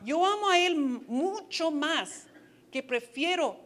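A woman's voice: high-pitched, animated, slow, a bit bright. A woman preaching a sermon to wives, earnest and advising, with playful asides. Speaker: women's ministry speaker.

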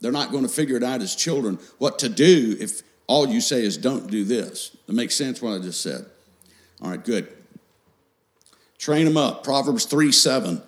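A man's voice: mid-range voice, animated, moderate pace. Middle-aged male seminar speaker, folksy and scripture-quoting, teaching parents and checking in with the room.

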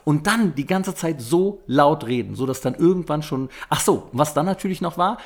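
A man tells a story in an easy, casual chat. He is animated and acts out the people he quotes, his pitch jumping about as he goes. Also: normal speed.

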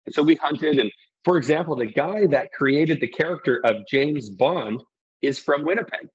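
A middle-aged Icelandic brewery owner with a husky, slightly high voice speaks earnestly at a moderate pace in a relaxed, casual interview. He rambles and keeps restarting his sentences, and the sound is dull and a bit lo-fi.

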